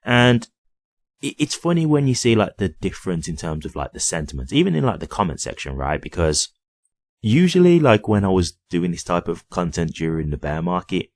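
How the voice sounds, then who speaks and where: Here a deep-voiced man who makes crypto videos chats to viewers without a script, his pitch swinging widely and his pace fairly quick. He often checks in with a questioning "right?", and the audio is studio quality without echo.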